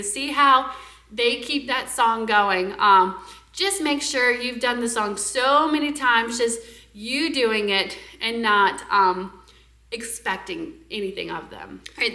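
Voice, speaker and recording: A young woman speech-language pathologist giving parenting tips in a lively way and singing nursery songs with big, exaggerated delivery. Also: a little high. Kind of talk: parenting tips with sung demonstrations. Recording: echoey room.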